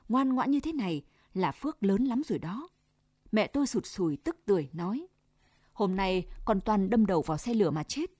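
Woman doing a gentle old Hue grandmother. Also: no echo, clean studio sound, lightly acted. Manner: low, even, chant-like speech. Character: old woman neighbor, gentle, slow, wise.

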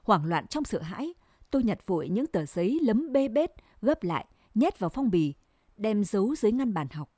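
A woman narrating a scripted first-person story in a measured, sorrowful way. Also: medium pitch, big pitch swings, mellow, no echo, clean studio sound.

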